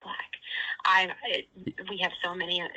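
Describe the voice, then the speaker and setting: An office manager of a legal department, heard over the phone, talking in a polite, halting and helpful way to a caller. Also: medium pitch, little pitch movement, bright, forceful tone, no echo. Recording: dull lo-fi phone line.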